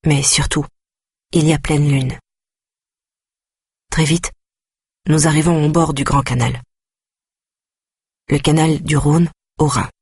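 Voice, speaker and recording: A man narrating a dark first-person audiobook in a grave, quietly intense manner. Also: a little high, husky, dry recording, studio quality.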